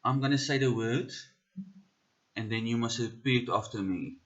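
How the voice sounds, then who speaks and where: South African man teaching slow pronunciation. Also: mid-range voice, a bit bright, lo-fi sound. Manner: repeats each word slowly three times, explains with fillers. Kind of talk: slow word-by-word pronunciation lesson.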